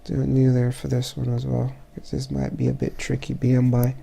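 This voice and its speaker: A photographer with a blocked-up, stuffy voice talks through his editing in a casual tutorial voice-over. His tone is deep-set and dark with heavy gravel and a husky edge. He speaks slowly and haltingly, pausing and restarting as he thinks aloud. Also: completely flat delivery. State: stuffy, congested.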